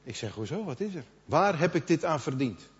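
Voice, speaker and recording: A middle-aged man preaching a sermon in a conversational manner, quoting others in lively asides. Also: a little high, fairly quick. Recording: dull sound with long hall reverb.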